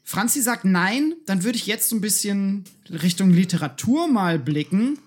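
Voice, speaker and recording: A woman with a husky, mid-pitched voice moderates as co-host. Her delivery is casual and conversational, guiding the discussion along. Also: expressive, normal speed.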